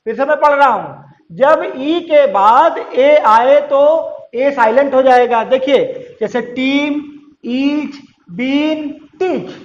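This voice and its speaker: A man with a high voice teaches a class, drawing out each rule slowly and repeating it several times. He keeps turning to his students with questions and then answers them himself. The sound is roomy and a little dull. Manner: slow, drawn-out repetition of rules; addresses students directly, asks and answers questions. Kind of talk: classroom-style lesson.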